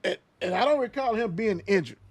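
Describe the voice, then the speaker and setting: High-voiced animated male sports host. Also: brisk, breathy edge, no room sound. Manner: animated, slangy banter with lots of fillers. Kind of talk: casual sports talk.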